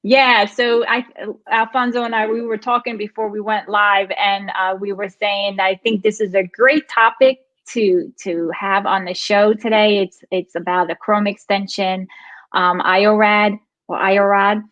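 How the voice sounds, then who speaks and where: A woman's voice: medium pitch, steady tone, measured pace, a bit bright, no room sound, highs cut off. Upbeat woman hosting a live talk show. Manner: upbeat, enthusiastic. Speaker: host. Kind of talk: live show intro chat.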